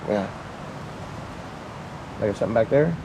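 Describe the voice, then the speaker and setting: A man chatting informally and repeating phrases while investigating outdoors, in a noisy recording with wind and vehicle rumble. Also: animated, normal speed, creaky. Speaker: paranormal investigator. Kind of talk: casual chat during a ghost hunt. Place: outdoors in a cemetery.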